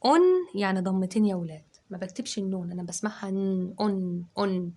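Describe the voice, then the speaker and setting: Husky Egyptian woman teaching spelling. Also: mid-range voice, fairly even intonation, fast talker. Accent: Egyptian Arabic. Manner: spells words out syllable by syllable, loud and drawn out. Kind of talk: dictation lesson for children.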